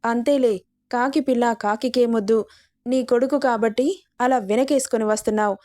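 A bitter, defiant young wife with a sharp, accusing edge, read by a woman narrator. The voice is fairly high and dry, with no room around it. It is a storybook reading. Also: fairly even intonation, normal speed, no room sound, close to an everyday voice.

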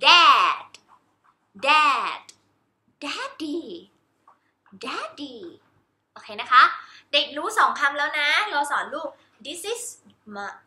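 Bright, high-voiced woman teacher. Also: roomy sound. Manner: cheerful, demonstrates signs while repeating English words. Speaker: homeschool teacher. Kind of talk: baby sign language lesson.

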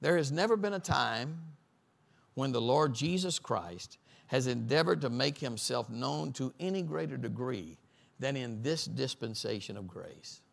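A middle-aged male pastor preaches a sermon at a Bible study on a church stage, building lists up to a crescendo and calling for audience responses. His medium-pitched voice is expressive, with vocal fry, at a measured pace.

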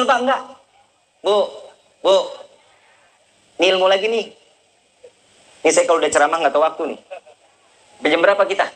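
A male preacher, giving a lively sermon and teasing the congregation with quick questions. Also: high-pitched, a little hiss or hum, poor audio.

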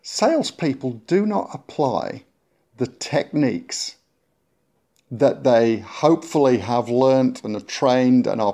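A man speaking as a guest consultant in a conversational podcast interview, animated and acting out little quoted remarks. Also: mid-range voice, gravelly. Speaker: guest consultant on workplace politics.

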